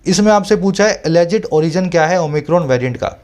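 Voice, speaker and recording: Man, English tutor, fairly high voice, explains in Hindi with English terms, slow careful read-outs, frequent check-ins. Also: animated, a little mellow. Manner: explains in Hindi mixed with English terms, reads English text slowly. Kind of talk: explaining grammar and vocabulary to exam students.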